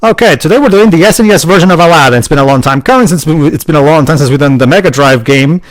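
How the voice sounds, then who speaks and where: A man's voice: a little high, rapid-fire. A man hosting casual gaming commentary, often stammering and repeating his words.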